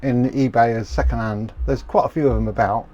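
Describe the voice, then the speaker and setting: A man's voice: mid-range voice, steady tone, brisk, warm tone, muffled recording. A man hosting a repair video, chatting casually as he works at the bench and laughing at his own mistakes. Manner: chatty, self-mocking, laughs at himself. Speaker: electronics repair video host. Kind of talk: casual workbench narration.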